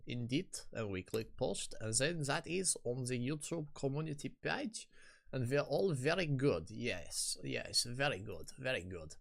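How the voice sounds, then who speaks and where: A man putting on a silly accent to play a fussy, mumbling man who keeps quietly approving of himself. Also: mid-range voice, big pitch swings, unhurried, gravelly, exaggerated voice. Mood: smug muttering. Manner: murmured, repetitive self-approval.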